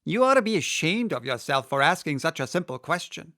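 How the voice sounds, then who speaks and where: A man voicing a bossy, dismissive griffin in a storybook reading, loud and casual with folksy bad grammar. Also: on the high side, sing-song, brisk, heavily acted. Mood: scolding.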